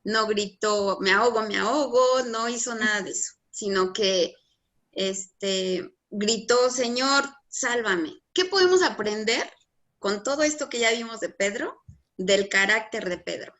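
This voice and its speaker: A woman's voice: mid-range voice, lively intonation, measured pace, a bit bright. A woman leading a Bible study discussion, asking the group questions and briefly acknowledging each answer.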